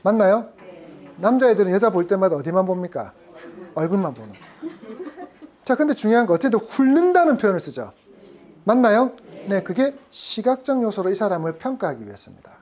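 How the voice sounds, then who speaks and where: Woman lecturer, animated pitch, quizzes the room constantly. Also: a little fast. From Gyeongsang region. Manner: asks the audience frequent questions. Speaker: insurance sales lecturer. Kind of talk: lively classroom lecture.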